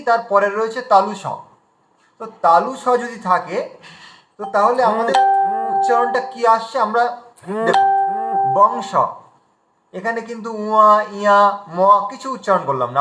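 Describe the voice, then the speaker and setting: A man's voice: high voice, a bit bright, echoey room. A man teaching an online pronunciation class, patiently spelling out letters one by one as he shares his screen.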